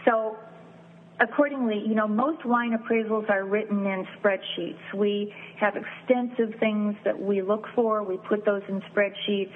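A woman's voice: mid-range voice, steady tone, a little hiss or hum. Woman appraiser over a tinny phone line. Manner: measured, explanatory, lists things step by step. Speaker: fine art and wine appraiser, guest. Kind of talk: interview answers.

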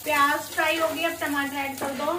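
A young woman in her twenties chats to the camera while cooking for a casual home vlog, moving between a small kitchen and living room indoors. Her voice sits high with a level tone at normal speed, and there's background noise.

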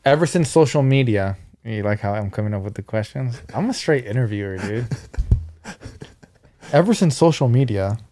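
An easygoing man in his thirties, co-hosting a podcast and asking questions in a loose, slangy way. His pitch is middling and ordinary. He sits close to a studio mic. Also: lively intonation, moderate pace, dark tone, slight background noise. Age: 30s. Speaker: podcast co-host. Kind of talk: casual podcast chat. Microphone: studio mic on boom arm.

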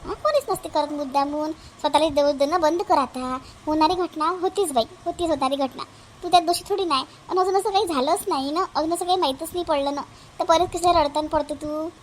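A woman voicing a calm, reassuring village neighbor woman who repeats herself firmly. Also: high-pitched, brisk, a little hiss or hum, close to an everyday voice. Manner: reassuring, firm, repetitive.

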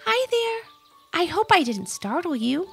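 A tiny, kind-hearted gnome with a high, lilting voice that climbs and dips with feeling, as a woman reading a storybook puts her on. She speaks gently, with a pleading, worried edge. The tone is bright and has a slight gravelly fry. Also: very animated, measured pace, faint music behind, heavily acted. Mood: gentle. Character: sweet kind little female gnome.

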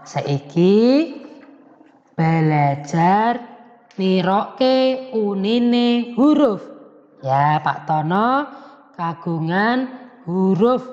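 A man's voice: high-pitched, lively intonation, drawn-out words, long pauses, a little mellow. A man teaching a children's language lesson, coaxing and sing-song, asking questions and answering them himself. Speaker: elementary school teacher. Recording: echoey, dull lo-fi recording.

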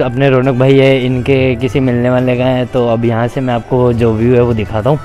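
Excitable young man vlogging from a motorbike. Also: medium pitch. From India. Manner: excitable, repeats "full power" and "yaar". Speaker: motovlogger. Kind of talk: casual vlog narration. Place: outdoors at night, on a motorbike and walking a lit hilltop park. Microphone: clip-on mic under helmet.

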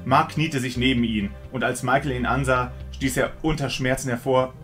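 A man's voice: mid-range voice, steady tone, moderate pace, a bit bright, soft background music. A man reading an interactive mystery story aloud, breaking off for joking, wry remarks. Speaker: story reader and commentator.

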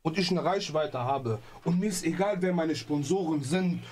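A man's voice: on the high side, normal speed, a little mellow. A man in casual talk, speaking emphatically and insistently.

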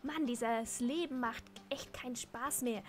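A woman's voice: a little high, measured pace, faint music behind, close to an everyday voice. A woman voicing a weary male henchman who complains in a sulky way, reading game dialogue aloud.

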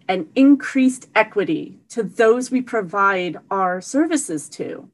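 A woman giving a prepared award acceptance speech over a video call, earnest and steady. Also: medium pitch, rough recording. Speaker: award recipient.

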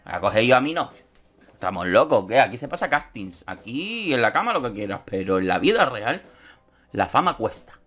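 A man's voice: medium pitch, sing-song, fairly bright tone. A man giving camp, sarcastic commentary on a reality show as a YouTuber. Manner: camp, sarcastic, quick jokes. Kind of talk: casual comedic commentary.

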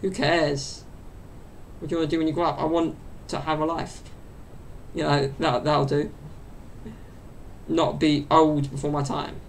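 Speaking a little slowly with long pauses, a young man in his twenties rambles through his solo podcast with lots of fillers. His high, gravelly voice shows little pitch movement. He uses a desk mic set off to the side in his small bedroom, and a little hiss or hum can be heard.

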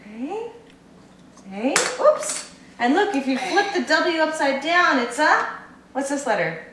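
Woman, mother, sing-song coaxing, lively swooping pitch, home camcorder audio, echoey room, faint hiss. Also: slow pace. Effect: home camcorder recording. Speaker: mother filming her toddler. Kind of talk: home video, coaxing a toddler through letters. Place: indoors at home. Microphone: built-in camera microphone.

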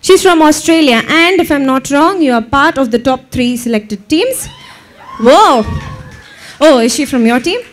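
A woman's voice: high-pitched, unhurried. A woman hosting a live cultural show, bantering and teasing the audience. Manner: lively, teasing crowd banter. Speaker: event emcee. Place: event venue with live audience.

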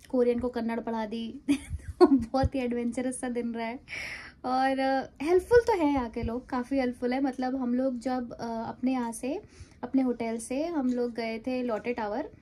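A woman's voice: fairly high pitch, warm tone, a little hiss or hum. Chatty young woman vlogging to phone. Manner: chatty storytelling, laughs often. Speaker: travel vlogger. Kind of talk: casual vlog chat to camera. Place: car at night, then hotel room. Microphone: phone camera at arm's length.

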